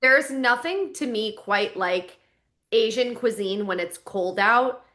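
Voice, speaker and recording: Woman co-host, higher voice, very bright, bubbly and slangy. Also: animated, takes it slowly. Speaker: podcast co-host. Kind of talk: casual chat.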